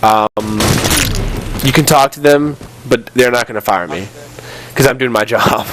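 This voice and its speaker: In a medium-pitched, slightly bright voice, a nineteen-year-old man unhurriedly tells casual stories while he plays a video game. He hosts gaming videos and sounds exasperated, acting out exchanges he remembers.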